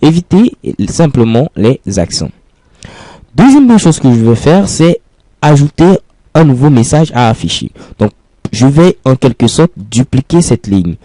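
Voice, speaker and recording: Guy doing a coding screencast, calm step by step explaining, mellow low tone, dry close sound. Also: measured pace, no echo. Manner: patient step-by-step explaining, repeats phrases. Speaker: programming teacher.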